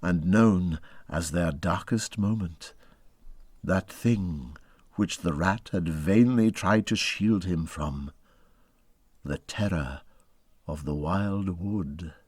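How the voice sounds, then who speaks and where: A male audiobook reader narrates a classic children's animal story from a script, dramatic and expressive, moving between hushed and urgent tones. His voice sits low and his pace is slow, with no echo.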